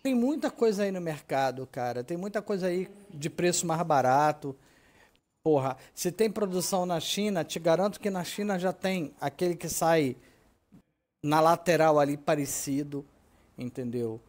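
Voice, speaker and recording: A man's voice: fairly high pitch, animated, normal speed, a little mellow. A middle-aged man with a Brazilian accent chatting casually and informally while he plays a game. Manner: informal, slangy. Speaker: gaming streamer. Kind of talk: casual chat while gaming. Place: indoor room at home.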